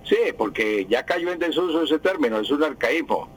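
Husky professor correcting usage. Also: male voice, on the high side, expressive, moderate pace, low-quality recording. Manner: didactic, repeats the correct form. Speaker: language professor. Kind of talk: radio language advice segment.

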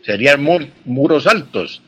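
A man's voice: medium pitch, lively intonation, measured pace, breathy edge. A man answering listener questions on a radio program as a language expert, explaining patiently and repeating his key points.

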